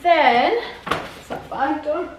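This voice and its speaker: A woman in her forties with a high, slow voice chats casually to the camera while showing off a grocery haul, often questioning herself out loud. She's indoors in a home dining room, and the echoey recording carries clear background noise.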